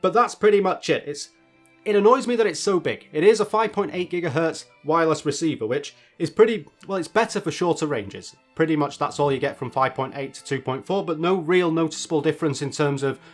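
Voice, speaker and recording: A man's voice: fairly high pitch, fairly quick, soft background music. A man presenting a product review in a casual, chatty narration with wry asides.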